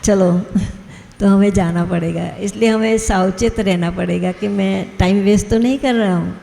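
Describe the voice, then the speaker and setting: A woman's voice: mid-range voice, gravelly, warm tone. A woman giving a devotional talk to a gathering, telling anecdotes and chuckling as she goes. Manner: storytelling, chuckles often. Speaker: guest speaker at a devotional gathering. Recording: echoey hall with long reverb.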